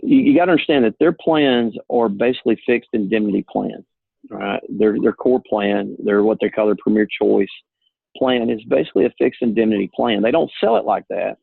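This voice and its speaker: A man's voice: on the low side, fairly quick, gravelly, slightly rough, dry recording. A man who works as an insurance agent, explaining things earnestly in a casual talk over a call. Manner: earnest, plain-spoken explaining. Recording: tinny phone line, dry.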